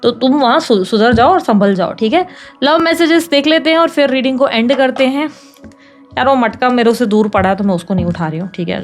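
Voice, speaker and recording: A woman reading tarot in a casual chat to her viewers, talking fast, teasing and scolding them like a big sister. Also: mid-range voice. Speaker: tarot reader.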